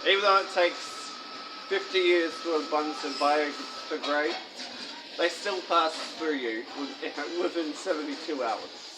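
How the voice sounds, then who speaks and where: A man's voice: a little high, a little slow, noisy background. A man vlogging to camera, rambling and complaining, laughing often and talking with his mouth full. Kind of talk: casual chat to camera. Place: fast food restaurant. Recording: music playing in the background. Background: background music.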